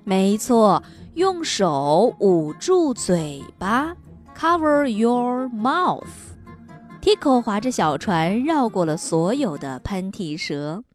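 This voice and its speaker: A woman storyteller reading a picture book aloud for children in an animated, sing-song manner. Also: mid-range voice, slow pace, soft background music.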